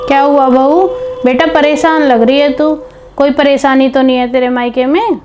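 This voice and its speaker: A woman playing a caring mother-in-law who gently advises her daughter-in-law in a family drama. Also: high voice, fairly even intonation, moderate pace, noisy background, lightly acted. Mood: advising. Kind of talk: scripted home video family drama. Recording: background music under dialogue.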